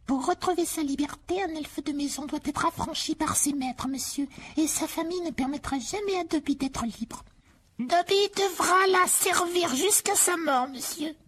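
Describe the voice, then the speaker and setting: A woman voicing a tiny, servile male house-elf with a small shrill voice, pleading and overly deferential. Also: moderate pace, fairly bright tone. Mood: anxious. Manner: pleading, overly deferential, speaks of himself in third person. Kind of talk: audiobook dramatization.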